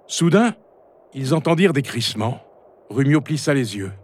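Man, storybook narrator, expressive, lively melody, medium pitch. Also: brisk, husky. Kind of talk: children's storybook reading.

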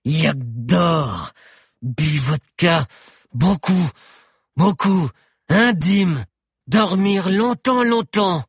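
A grating, brutish giant chief with tattoos barks broken pidgin from a storybook, as a man acts him out. The voice sits high and strained, very husky, with dry, close sound. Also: expressive, no echo, full character voice. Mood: sluggish. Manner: slow, drawn-out, bellowing. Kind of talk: audiobook character voice.

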